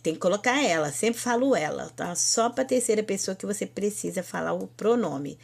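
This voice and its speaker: A woman's voice: mid-range voice, expressive, vocal fry. A woman with a Brazilian Portuguese accent teaching an online Hebrew lesson, explaining patiently and drawing out each example word. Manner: slow, patient explaining, drawn-out example words, frequent "então".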